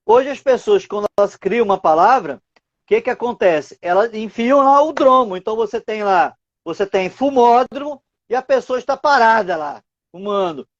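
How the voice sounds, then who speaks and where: A man's voice: sits high, expressive, moderate pace, dry recording, highs cut off. A man, a writer and teacher, explaining word origins as a guest on a live stream, posing rhetorical questions as he goes. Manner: didactic, asks rhetorical questions.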